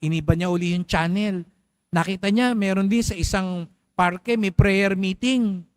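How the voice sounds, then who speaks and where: A man's voice: sits high, fairly even intonation, moderate pace, clear, resonant tone, dry recording, clean studio sound. A Filipino priest in church, telling a story during his homily and asking the congregation questions in a conversational way.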